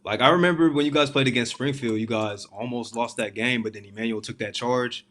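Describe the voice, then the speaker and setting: A man's voice: mid-range voice, a little fast, fairly bright tone. A man hosting a sports talk show, chatting with a player in an informal, slangy way. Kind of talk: casual sports interview.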